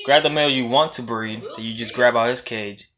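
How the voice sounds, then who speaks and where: Speaking briskly in a mid-range voice over crowd noise, a young man with a Puerto Rican accent shoots a rambling how-to vlog on a phone kept close at arm's length. A reptile breeder, he laughs and swears freely in an indoor room full of storage tubs.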